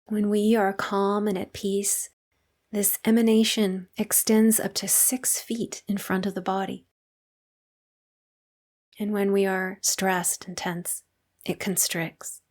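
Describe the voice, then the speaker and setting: A woman guides listeners through meditation in the role of teacher. Soothing and calm, her mid-range voice takes its time and leaves long gaps of quiet.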